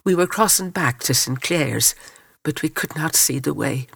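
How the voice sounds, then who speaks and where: A man reading a story aloud in solemn, measured scripted narration. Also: on the high side, gravelly, fairly bright tone, breathy edge, no echo, studio quality.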